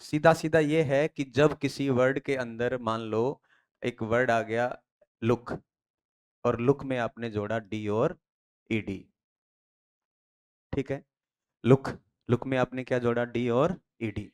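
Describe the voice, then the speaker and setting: A man's voice: medium pitch, fairly even intonation, slow, pauses often, clear, resonant tone. A man from India teaching pronunciation in a classroom lecture. He asks his students questions, answers them himself and drills the key phrases again and again. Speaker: English teacher.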